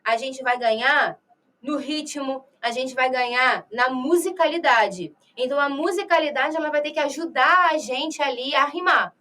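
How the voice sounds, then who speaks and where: A woman's voice: high voice, bright, forceful tone, distant mic. A Brazilian woman teacher with a Rio de Janeiro accent, explaining poetry in a recorded lesson and often checking in with "né?" and "tá?". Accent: Rio de Janeiro Portuguese. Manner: explanatory, asks rhetorical questions, frequent "né?" and "tá?"; slow, drawn-out reading of verses. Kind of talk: recorded exam-prep lecture.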